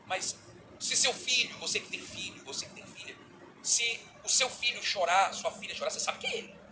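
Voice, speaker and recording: A middle-aged man with a Brazilian Portuguese accent preaching a sermon as a bishop, animated, acting out little dialogues. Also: high-pitched, moderate pace, background noise.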